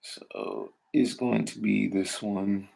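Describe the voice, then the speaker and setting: A man teaching a language class in a slow, unhurried way. His voice is gravelly with a touch of fry. He keeps checking in with "right?" and asks his students questions. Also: fairly low pitch, fairly even intonation, darkish tone. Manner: checks in often with "right?" and "all right?". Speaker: Hebrew teacher. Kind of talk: classroom lesson.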